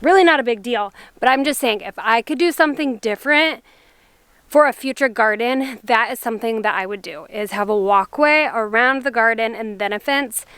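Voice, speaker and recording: Chatty woman vlogger with a high voice, talking casually to camera. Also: normal speed, a bit bright, smooth. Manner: chatty, rambling, sighs. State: out of breath. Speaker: gardening vlogger. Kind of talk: casual vlog talk to camera. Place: garage, storm outside.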